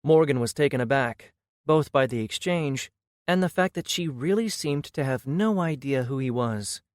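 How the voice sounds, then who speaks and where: A man reading a fantasy audiobook in steady, measured scripted narration. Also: medium pitch, no room sound, clean studio sound.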